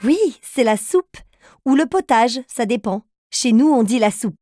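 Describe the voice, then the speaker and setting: Over soft background music, a woman gently narrates a toddler cartoon from a script, reading riddles and patiently urging young children to guess. Her voice is a little high and somewhat slow, with a dark tone and lively intonation.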